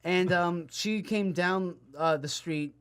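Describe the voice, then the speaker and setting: A young man rattles through stories in casual podcast banter. His voice sits high and lively, and he often slips into quick impressions. He laughs easily between lines. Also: smooth. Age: young adult. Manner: animated storyteller, acts out voices, laughs often. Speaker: podcast co-host. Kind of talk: casual chat.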